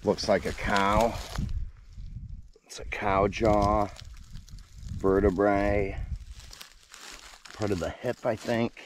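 A man in his forties, a vlogger who also works on a farm, narrates casually to a handheld camera held at arm's length, outdoors on a farm and hillside. His voice is lowish with fairly even intonation, very slow, with frequent pauses. The outdoor handheld recording is noisy.

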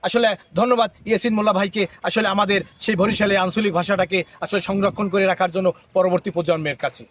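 A male news reporter introduces and interviews a guest, leaning on the same filler word again and again. His voice is noticeably high-pitched. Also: steady tone, quick pace, slight background noise. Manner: repeats filler "actually" often.

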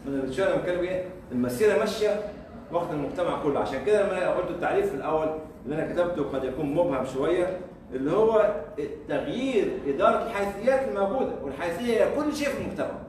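An Egyptian guest lecturer with an Egyptian Arabic accent gives an informal university lecture, tossing out rhetorical questions, repeating himself and chuckling. His voice is high-pitched, expressive and darkish, and he speaks in rapid-fire bursts. The room is echoey, with a far-off mic and faint noise.

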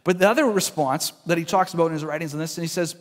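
A pastor preaches a sermon in a church sanctuary, earnest and conversational, racing along and often restarting his sentences. His voice is fairly high, and long church hall reverb fills the recording.

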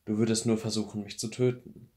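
A man voicing a weary, regretful older mentor in an audiobook, speaking calm and measured. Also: fairly low pitch, close to an everyday voice.

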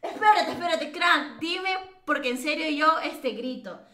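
A woman's voice: high-pitched, animated, a little slow, sharp tone, roomy sound, a little hiss or hum. A Peruvian woman streaming a game, chatting and teasing with lots of fillers and laughter. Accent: Peruvian Spanish. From Peru. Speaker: streamer host. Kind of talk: casual chat while gaming.

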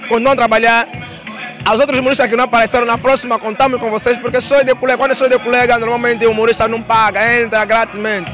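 A man's voice: extremely high pitch, level tone, rapid-fire, over music. A man in his thirties speaking casually in an on-camera interview at an outdoor venue. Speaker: comedian being interviewed. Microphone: handheld reporter microphone.

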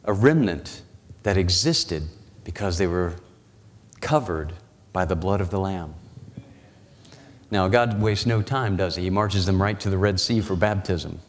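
A man in his forties preaches in a church sanctuary, walking the platform and gesturing, slowing down and dropping his voice low for dramatic emphasis. Picked up by a lapel mic and a pulpit mic, the recording carries church hall reverb and slight background noise.

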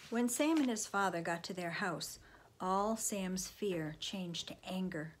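A woman reading a children's book aloud, expressive, often dropping into a hushed whisper. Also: lowish voice, measured pace, a little hiss or hum. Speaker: storybook reader.

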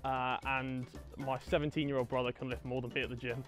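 A young man in his twenties from Guernsey, awkwardly delivering deadpan confessions as a contestant on a studio dating show. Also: medium pitch, a little fast. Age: 20s. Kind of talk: comedic dating-show pitches. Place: indoor studio stage. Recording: studio with background music.

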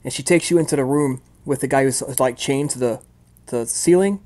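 A man's voice: medium pitch, a little fast, mellow. A man narrating a tabletop game as game master in a casual, rambling way, full of fillers.

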